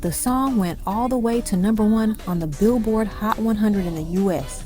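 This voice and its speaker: Over background music, a woman narrates a music countdown from a documentary-style script. Her mid-range voice keeps a normal pace, and her phrasing is short, punchy and dramatic.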